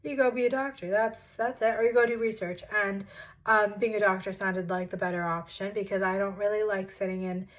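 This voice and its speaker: A woman in her twenties telling her story in a casual vlog from her childhood bedroom, chatty and self-deprecating with animated asides. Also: mid-range voice, a little fast, poor audio. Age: 20s. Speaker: vlogger.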